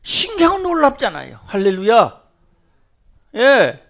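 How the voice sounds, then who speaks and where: A middle-aged male pastor with a Gyeongsang Korean accent preaching a sermon, moving between loud exclamations and low, hushed asides. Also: wildly swooping pitch, unhurried, creaky.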